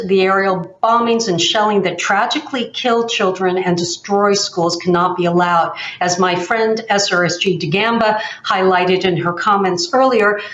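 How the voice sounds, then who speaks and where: A woman speaking as head of a peace institute, delivering a measured, emphatic prepared speech over a video call. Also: mid-range voice, fairly bright tone. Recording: echoey room, slightly dull sound.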